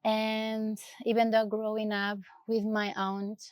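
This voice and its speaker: Speaking slowly in a monotone at medium pitch, an Ecuadorian woman shares her life story during an interview. Her English carries an Ecuadorian Spanish accent and comes out soft and hesitant as she reaches for words. The tone is clean, with no room sound.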